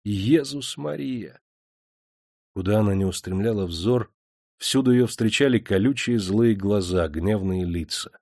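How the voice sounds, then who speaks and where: A man reading an audiobook in a measured, dramatic storytelling manner. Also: lowish voice, a little mellow, no room sound, studio quality. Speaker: audiobook narrator. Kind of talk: scripted narration.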